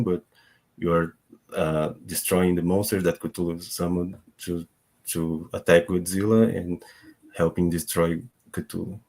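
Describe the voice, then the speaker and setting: A man speaking as a game developer on a livestream panel, halting and often repeating words as he begins. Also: deep voice, darkish tone.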